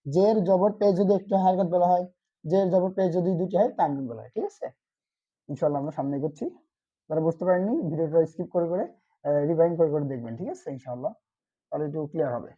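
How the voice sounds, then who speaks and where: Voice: mid-range voice, fast talker, mellow, highs cut off. A Quran reading teacher giving an online lesson, asking short questions and answering them himself.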